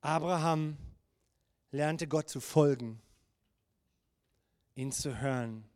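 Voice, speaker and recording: A pastor preaching a church sermon in an earnest, urging way, dropping low and soft when he speaks God's words. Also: takes it slowly. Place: church service.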